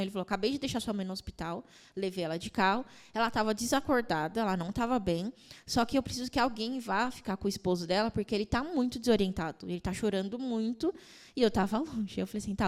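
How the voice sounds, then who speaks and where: A young woman speaks as a podcast guest, telling a personal story at a rushing clip. Her voice sits at an ordinary middle pitch. She keeps slipping into other people's words as she retells it, earnest and emotional. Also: a little mellow. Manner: rapid, emotional retelling with quoted dialogue.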